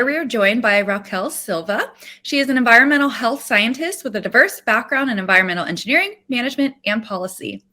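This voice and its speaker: A woman host reads an upbeat, welcoming introduction. Her voice is bright and a little high. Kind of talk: scripted introduction.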